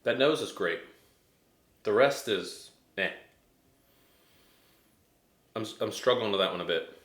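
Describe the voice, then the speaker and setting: Low-voiced american guy doing a casual tasting review, kinda hesitant, thinking out loud, roomy echo. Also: animated, takes it slowly. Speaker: whiskey reviewer.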